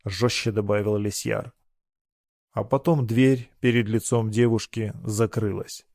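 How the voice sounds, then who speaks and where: A man reading a story aloud in measured scripted narration. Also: fairly low pitch, steady tone, darkish tone, no room sound, studio quality. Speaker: audiobook reader.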